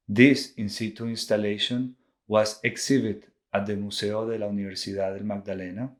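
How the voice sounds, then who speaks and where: A fairly low-pitched man, a native Spanish speaker with a Colombian accent, delivers formal, measured scripted narration. He is a visual artist presenting his projects.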